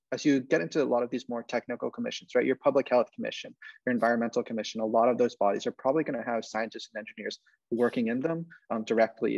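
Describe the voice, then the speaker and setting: A young man answers panel questions over a video call, rattling along quickly with plenty of "um"s. His voice is gravelly. The sound is dry and a little dull. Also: medium pitch, darkish tone, dry recording. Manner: fast, filler-heavy, earnest. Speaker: panelist, science advocacy organizer.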